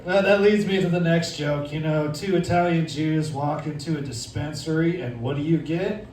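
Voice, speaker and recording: A man's voice: on the high side, moderate pace, a little mellow, slight background noise. A man telling a crude, rambling stand-up story as a comedy sidekick, laughing at his own jokes. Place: comedy stage in a dispensary. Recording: echoey room, mic at a distance.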